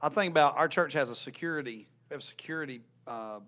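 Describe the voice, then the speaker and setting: A man's voice: fairly high pitch, fast talker, bright, forceful tone. A man, a youth pastor co-hosting a casual podcast talk, earnest and restarting his words often, speaking into a desk mic in a small church room. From North Carolina, USA. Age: 30s. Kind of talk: casual chat. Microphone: desk mic on a stand.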